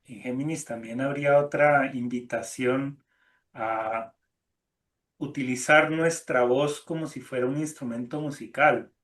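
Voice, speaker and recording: A man's voice: medium pitch, measured pace. Thoughtful man guest, medium voice, reflective talk, roomy echo. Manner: calm, thoughtful, fills with "¿no?". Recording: echoey room.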